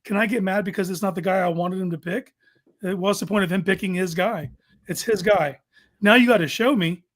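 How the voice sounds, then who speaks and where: High-pitched man debating sports casually. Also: fairly quick, a bit bright. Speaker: sports talk show host.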